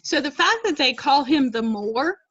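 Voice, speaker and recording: Leading an online class on a video call, a woman teacher speaks at normal speed in a high, fairly bright voice with lively intonation. She explains patiently and reads quotes aloud; the laptop mic audio is dull and lo-fi, with no echo.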